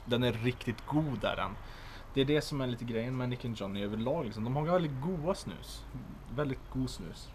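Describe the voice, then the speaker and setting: A man's voice: mid-range voice, expressive, brisk, darkish tone, slight background noise. A young man with a Swedish accent, chatting loosely through a product review with snus tucked under his upper lip, full of fillers.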